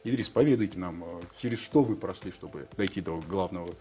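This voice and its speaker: A young man hosting a morning TV show, playful and teasing, laughing often in a bright studio on a lapel mic. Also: low-pitched, fairly quick, soft background music. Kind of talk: joking TV studio interview.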